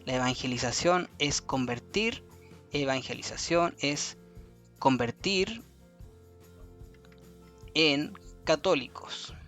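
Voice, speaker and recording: A man teaching a review lesson to schoolchildren, repeating key words slowly for emphasis. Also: fairly high pitch, lively intonation, a bit bright. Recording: faint music behind.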